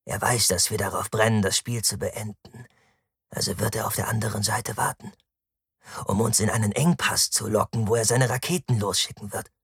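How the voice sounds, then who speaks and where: A man voicing a careful, pedantic young male tactician who speaks in a measured, precise way, in an audiobook. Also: fairly low pitch, fairly even intonation, vocal fry, husky, dry recording, studio quality, full character voice. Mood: calm.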